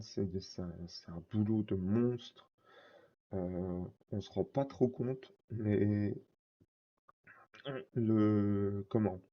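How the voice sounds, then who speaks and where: A man's voice: lowish voice, warm tone, muffled recording. A man chatting casually while showing his card collection, rambling with lots of fillers and self-corrections. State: scratchy throat.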